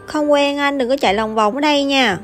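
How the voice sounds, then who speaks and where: A woman's voice: high-pitched, brisk. Chatty young woman. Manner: chatty, teasing, laughs often. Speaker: gaming YouTuber. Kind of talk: casual gameplay commentary. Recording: voice over loud background music.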